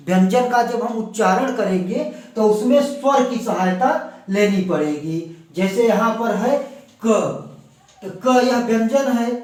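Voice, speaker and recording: A very high-pitched male teacher talks unhurriedly through an exam-prep grammar lesson, spelling out each example in turn. His voice carries from some distance in a bare, heavily echoing room. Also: a little mellow. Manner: slow, drawn-out explanations with repeated examples. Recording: echoey room, mic at a distance.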